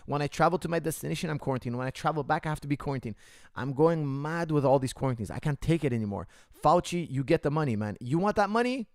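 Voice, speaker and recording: A Canadian man hosts a casual podcast, ranting heatedly at his viewers, repeating himself and calling them "guys." His voice sits on the high side and is expressive, and he talks at a quick clip. The audio is studio quality with no room sound.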